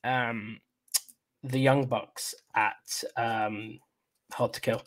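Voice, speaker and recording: A man hosting a wrestling news show in a casual, chatty style, often halting and restarting his sentences. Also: medium pitch, flat delivery, a bit bright.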